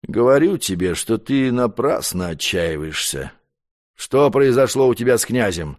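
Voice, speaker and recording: A man reading an audiobook, voicing an arrogant male magician count who speaks calmly and curtly. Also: medium pitch, a little slow, natural voice. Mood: cool scornful. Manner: calm, curt, condescending. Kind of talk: audiobook character voice.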